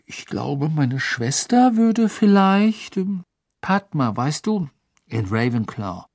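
A woman's voice: deep voice, big pitch swings, takes it slowly, darkish tone, no echo, clean studio sound, heavily acted. A reader voicing a giggly, flustered teenage girl who answers hesitantly.

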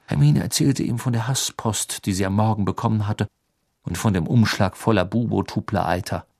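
A man reading a storybook aloud as narrator, in an expressive, even voice. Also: lowish voice, normal speed, breathy edge, no room sound, clean studio sound. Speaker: audiobook narrator.

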